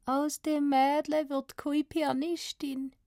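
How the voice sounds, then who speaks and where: A woman's voice: sits high, little pitch movement, slow, a little mellow, dry recording, studio quality, voice pushed up. A woman doing a dazed Swabian girl. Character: dazed young girl, suddenly speaking Swabian.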